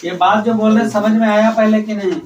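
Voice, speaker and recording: A man's voice: sits high, fairly even intonation, a little fast, darkish tone, recorded from a distance. A male teacher questioning students orally, teasing and challenging them. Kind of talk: oral exam questioning in class. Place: classroom. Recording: roomy classroom from afar, faint noise.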